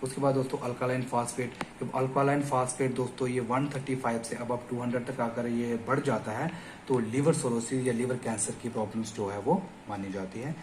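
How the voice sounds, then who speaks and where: A man's voice: medium pitch, fairly even intonation, fairly quick, noisy background. A man explaining medical lab tests step by step in an informal lecture, often addressing listeners as friends. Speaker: medical educator. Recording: echoey room with faint ambience.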